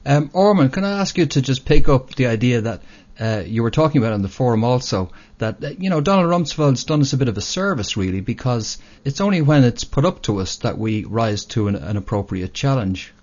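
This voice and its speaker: A man moderating a panel discussion, inviting each speaker in turn with measured prompts. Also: medium pitch, lively intonation, darkish tone. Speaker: discussion host. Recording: dull lo-fi audio.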